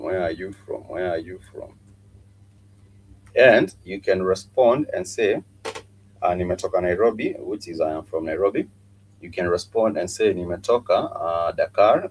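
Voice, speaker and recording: A man's voice: low voice, darkish tone, a little hiss or hum, poor audio. A man teaching a live online language lesson, patiently repeating phrases and spelling words out letter by letter. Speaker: Swahili teacher.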